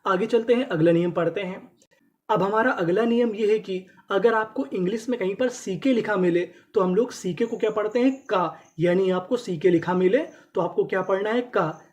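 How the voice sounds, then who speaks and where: Patient teacher spelling words out slowly. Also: medium pitch, darkish tone. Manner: spells words letter by letter, then asks and answers its own questions; repeats each word slowly several times. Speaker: English reading teacher. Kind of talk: classroom-style lesson explanation.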